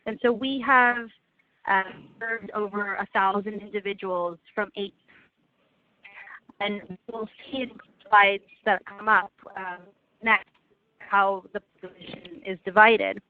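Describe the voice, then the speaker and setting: A woman presenting slides in a webinar over a phone line, earnest and halting with frequent restarts. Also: mid-range voice, steady tone. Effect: heard over a phone line. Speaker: webinar presenter for a legal aid project. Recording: tinny, dry phone line.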